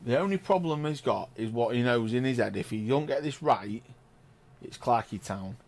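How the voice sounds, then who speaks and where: Excitable pool commentator, lively pitch. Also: male voice, moderate pace, gravelly. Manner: chatty, excitable, exclaims loudly at big shots. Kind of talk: excitable live sports commentary. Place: pool lounge.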